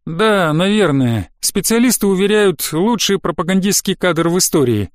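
A man's voice: high voice, lively intonation, moderate pace, dry recording, clean studio sound. A man voicing a patient, wry middle-aged father who explains things good-naturedly. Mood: explaining.

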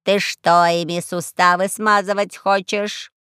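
A sly old crow, put on by a woman reading an audiobook, who drawls her words slowly and wheedles. She is greedy and self-pitying. The recording is dry and close, with no room sound. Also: on the low side, little pitch movement, sharp tone, clear, resonant tone, no echo. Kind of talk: audiobook character voice.

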